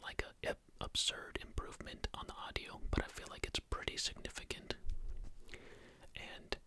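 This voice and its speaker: A young adult whispering a casual, unscripted ASMR ramble, softly and without voice, into a close microphone. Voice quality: unvoiced whisper. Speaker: ASMR video creator. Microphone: close Blue Yeti USB microphone.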